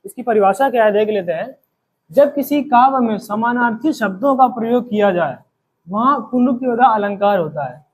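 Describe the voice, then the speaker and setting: A man teaching a grammar lesson, explaining each term by asking a question and then answering it, slowing down to recite example verses. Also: sits high, expressive, slightly rough, rough recording.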